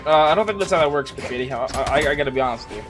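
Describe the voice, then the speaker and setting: Male fighting game announcer, conversational analyst type, clipped play-by-play phrasing, middle-range pitch, music underneath. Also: expressive, racing. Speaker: esports match commentator. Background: music playing behind the voice.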